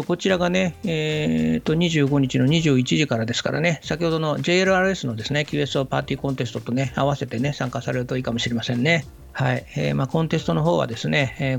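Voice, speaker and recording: Gravelly-voiced man hosting a radio show. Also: mid-range voice. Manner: polite, unhurried, many fillers and 'ne' tags. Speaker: radio host. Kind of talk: casual radio talk. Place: radio studio. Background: faint music.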